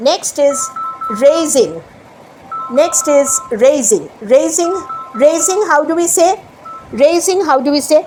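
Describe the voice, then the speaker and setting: A woman with a Bengali accent who teaches English pronunciation and repeats each word, then models the correct form slowly. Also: high voice, expressive, music in the background. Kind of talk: spoken English lesson.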